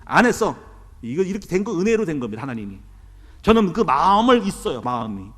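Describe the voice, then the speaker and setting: A man's voice: a little high, big pitch swings, fairly quick, a bit bright, husky, big-room sound. A middle-aged man from South Korea, a pastor giving a sermon in a church, with a conversational preaching manner full of quoted asides. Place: church sanctuary.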